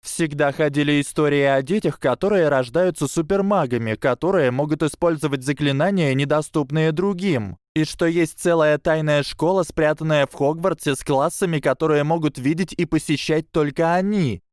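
A man voicing an excitable schoolgirl witch who talks quickly and with enthusiasm. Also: a little high, dry recording, studio quality, pitched above the performer's own voice, close to an everyday voice. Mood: excited.

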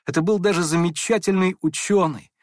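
A man's voice: sits high, fairly quick, dry recording, voice pushed up, close to an everyday voice. A man voicing a meek, kind young prince who speaks hurriedly and apologetically. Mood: earnest. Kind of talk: audiobook character voice.

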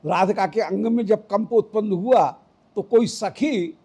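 A man's voice: high voice, a little slow, mellow, breathy edge. A man giving a devotional scripture discourse, chanting verses and explaining them line by line. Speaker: devotional storyteller.

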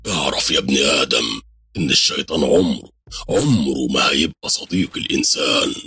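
A man with an Egyptian accent voicing a sly, cruel male devil who speaks slowly and gloatingly. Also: very deep voice, lively intonation, bright, forceful tone, exaggerated voice. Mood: menacing. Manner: slow, menacing, gloating.

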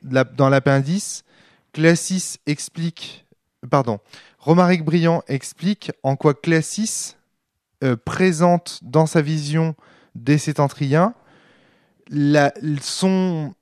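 A man's voice: on the high side, takes it slowly, darkish tone, dry recording. A man speaks in a casual, engaged podcast discussion. His lisp makes his s sounds slushy. He is emphatic, repeating himself, and the sound is close and dry. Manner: emphatic, repeats words and checks he is followed. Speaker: podcast speaker discussing a role-playing game.

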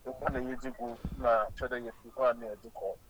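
Man, mid pitch, hesitant and halting in casual phone talk. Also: little pitch movement, slight background noise, low-quality recording. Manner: hesitant, broken phrasing.

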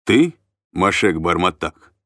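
A guard commander, formal and courteous but unbending, as a male audiobook reader voices him. His speech rises and falls with lively intonation. The recording is dry and close. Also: sits low, slow pace, no echo, full character voice. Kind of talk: audiobook character reading.

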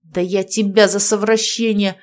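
Storybook role: a blunt, growling middle-aged dad, gruff and stern, read by a woman. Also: mid-range voice, flat delivery, moderate pace, lightly acted. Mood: furious.

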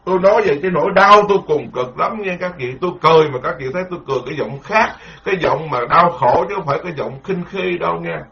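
A Buddhist monk giving a dharma talk, animated, repeating words and laughing ruefully. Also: male voice, a little high, fast, vocal fry, few pauses, slight background noise. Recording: lo-fi muffled recording.

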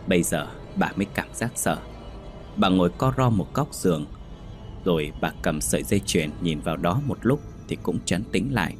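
A man narrating a ghost story in a steady, dramatic way. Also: low voice.

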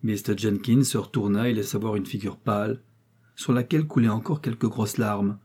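Guy narrating an old novel audiobook, husky dark voice, steady. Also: fairly low pitch. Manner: measured storytelling reading. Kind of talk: scripted narration.

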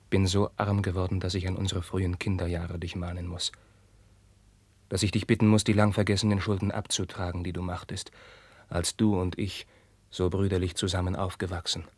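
An actor playing a young prince torn by forbidden love, declaiming classical verse with passion and dropping into hushed whispers. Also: male voice, low-pitched, breathy edge, no room sound. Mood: pleading. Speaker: actor in a radio play. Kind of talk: classical verse radio drama.

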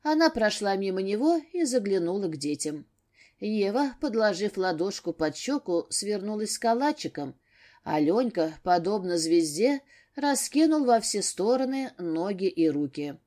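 A woman's voice: mid-range voice, big pitch swings, normal speed, mellow. Woman narrating an audiobook. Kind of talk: scripted narration.

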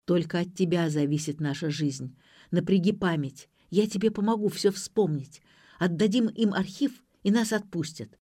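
A man's voice: high voice, normal speed, warm tone. A woman reading aloud voices a young man who tenderly and persuasively coaxes his girlfriend. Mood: coaxing. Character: smooth-talking young man coaxing a girlfriend.

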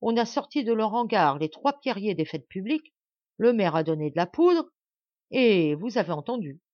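A woman's voice: mid-range voice, big pitch swings, normal speed, no room sound, close to an everyday voice. Woman reading as raging robust peasant lad, scornful, raised voice, dull dry recording. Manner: heated, scornful outburst. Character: angry young male peasant, robust and furious.

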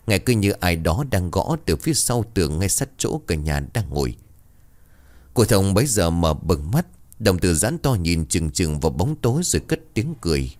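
A man narrates a horror tale with dramatic, suspenseful delivery. His voice is very deep yet moves widely up and down as he builds tension. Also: darkish tone. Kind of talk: ghost story narration.

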